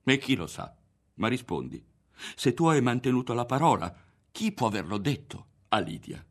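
A man reading an audiobook, voicing an angry, suspicious teenage boy who shouts accusations. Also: mid-range voice, very animated, moderate pace, voice pushed up.

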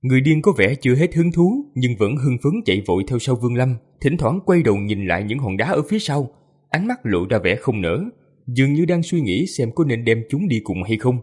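A man narrating a fantasy audiobook with an expressive, lively delivery. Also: medium pitch, brisk, husky. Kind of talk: storytelling narration.

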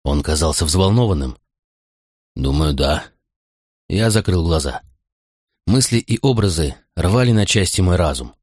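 Deep-voiced male audiobook narrator. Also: animated, normal speed, darkish tone, husky, dry recording, clean studio sound. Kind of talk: first-person audiobook narration.

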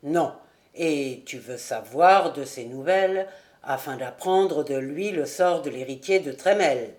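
A woman voicing a mysterious, calm male charcoal burner in an audiobook, speaking slowly and gravely. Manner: slow, grave and low. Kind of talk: audiobook character voice.

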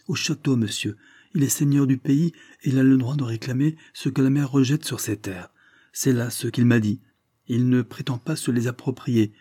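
A man's voice: mid-range voice, dark tone, breathy edge, no room sound, studio quality, lightly acted. A man voicing a flustered, humble male villager who pleads and defends himself.

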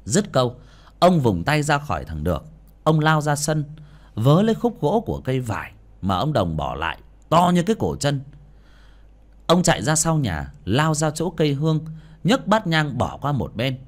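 A man's voice: fairly high pitch, moderate pace. A man narrating an audiobook story dramatically. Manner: dramatic, expressive.

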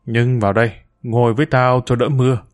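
A man reading aloud as an old cyclo driver, kindly and patient. His plain, gentle words are set in a storybook, with the voice kept near the reader's own. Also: mid-range voice, little pitch movement, fairly quick, faint music behind, close to an everyday voice.

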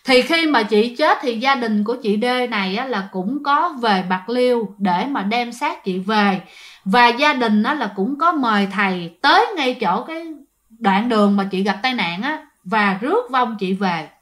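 A high-voiced woman narrates ghost stories sent in by listeners. She talks in a chatty, conversational way and often turns to address her audience directly. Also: animated, measured pace, a bit bright. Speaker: storyteller.

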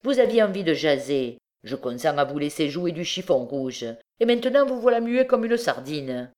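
A woman's voice: low-pitched, big pitch swings, moderate pace, darkish tone. A woman reading an audiobook, voicing a sly, mocking old male beggar turned bandit. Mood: teasing.

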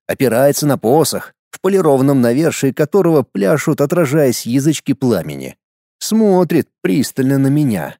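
A man narrating a first-person audiobook in a wry, expressive manner. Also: mid-range voice, dry recording, clean studio sound.

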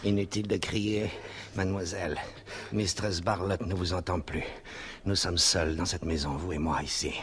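A lovesick, violent kidnapper. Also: male voice, low-pitched, fairly even intonation, normal speed. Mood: menacing. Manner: menacing, switching into shouting fits; drops English phrases into his talk. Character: obsessed, violent male kidnapper, lovesick and threatening. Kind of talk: radio drama acting.

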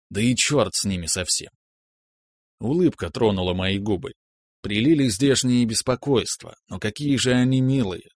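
Мужчина читает аудиокнигу от первого лица. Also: male voice, mid-range voice, no room sound. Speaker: audiobook narrator. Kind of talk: first-person narration of a novel.

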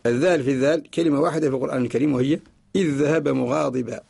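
A man with a Mauritanian Arabic accent giving a radio lesson, slowly recites each example and repeats it word by word to explain it. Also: medium pitch, steady tone, vocal fry, mellow, breathy edge. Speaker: teacher of Quranic orthography. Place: radio studio.

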